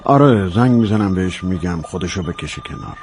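A man's voice: low voice, wildly swooping pitch, darkish tone, a little hiss or hum. A man voicing a dry, teasing detective colleague.

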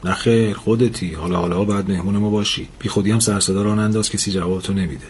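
Brief: gruff mocking jailer in a storybook reading, put on by a male narrator, low and threatening. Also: steady tone, a little hiss or hum, close to an everyday voice. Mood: menacing. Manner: taunting, menacing.

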